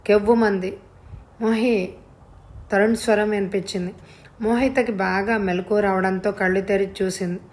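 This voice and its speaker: A woman's voice: medium pitch, darkish tone. A woman narrating a novel as a dramatic story, voicing the characters' cries herself.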